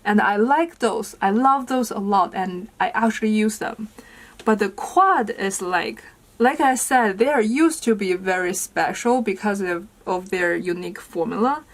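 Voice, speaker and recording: Young woman vlogger, slow and unhurried, casual declutter chat with fillers. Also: mid-range voice, poor audio. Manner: unhurried, thinking aloud with fillers. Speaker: beauty vlogger. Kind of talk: casual makeup declutter vlog.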